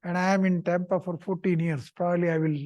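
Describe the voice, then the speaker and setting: High-pitched older man giving informal lecture. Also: flat delivery, quick pace, darkish tone. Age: middle-aged or older. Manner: chatty, repetitive, short simple phrases. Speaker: visiting professor giving a seminar talk.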